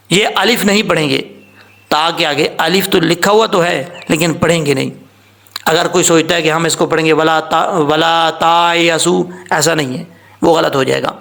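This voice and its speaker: A man with a gravelly, slightly high voice gives a tajweed lesson on Quran recitation. He explains each rule patiently and warns against common mistakes. He speaks as a voice-over on a screen recording. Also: fairly bright tone. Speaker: Quran teacher.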